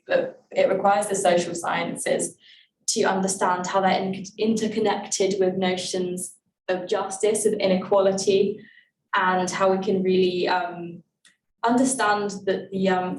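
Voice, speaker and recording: A woman's voice: fairly low pitch, darkish tone. A young adult woman, an election candidate answering hustings questions earnestly, with many fillers and restarts. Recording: echoey room from far off, faint hiss.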